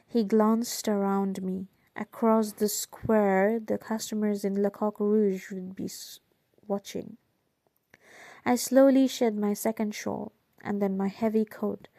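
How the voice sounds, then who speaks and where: A woman reading a novel aloud in the first person, with measured, steady storytelling into a close mic. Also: mid-range voice, no room sound. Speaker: audiobook reader.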